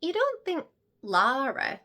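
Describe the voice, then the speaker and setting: A woman's voice: sits high, huge pitch swings, slow pace, bright, forceful tone, full character voice. A woman playing a gushing gossip vlogger. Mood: gossipy. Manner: gushing, gossipy, breathless gasps and squeals. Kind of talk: comedic monologue.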